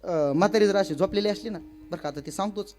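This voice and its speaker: A man preaching a comic devotional sermon, telling stories and acting out village women in a high wailing voice. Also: fast talker, darkish tone. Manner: addresses listeners as maharaj. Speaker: kirtan preacher.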